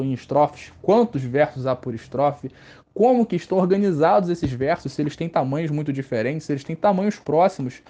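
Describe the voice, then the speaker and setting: A man's voice: on the high side, warm tone, highs cut off. A man with a Brazilian accent, teaching a podcast lesson in a casual, conversational way and answering his own questions. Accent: Brazilian Portuguese.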